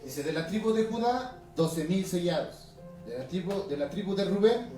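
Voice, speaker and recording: A male pastor from Ecuador with a highland Ecuadorian accent, preaching a conversational sermon, reading scripture aloud and often asking his listeners questions. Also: lively intonation, moderate pace, mellow. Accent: Ecuadorian highland Spanish. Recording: echoey room from a distance, music behind.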